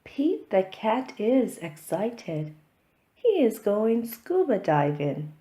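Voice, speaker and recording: Female storybook narrator for young children. Very slow delivery, animated intonation, expressive and deliberate. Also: medium pitch. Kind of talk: expressive read-aloud picture-book narration.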